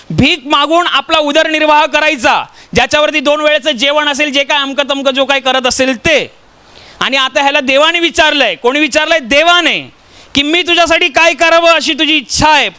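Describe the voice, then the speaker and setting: A man's voice: very high-pitched, pushed and bright. A man from Maharashtra preaching a sermon, telling stories and putting rhetorical questions to the congregation. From Maharashtra, India.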